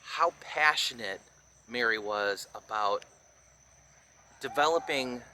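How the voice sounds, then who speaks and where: A man hosts a motovlog in a casual, chatty style. His voice sits at a medium pitch. The recording is outdoors, with faint insect noise behind him. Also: slow, pushed and bright. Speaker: motovlog host. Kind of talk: casual chat.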